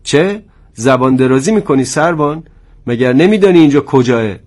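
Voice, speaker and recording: A man voicing a brutal giant guard who taunts his prisoners in a rough, harsh voice. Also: mid-range voice, expressive, darkish tone, lightly acted. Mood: taunting. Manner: sneering, taunting. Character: brutal giant armed male guard, mocking.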